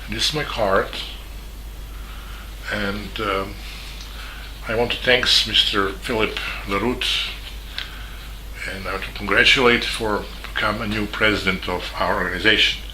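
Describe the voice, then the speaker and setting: A man from Serbia with a Serbian accent, a journalist giving a spoken statement in halting English full of fillers and restarts. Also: fairly low pitch, fairly even intonation, pushed and bright, slight background noise. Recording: echoey room with faint ambience.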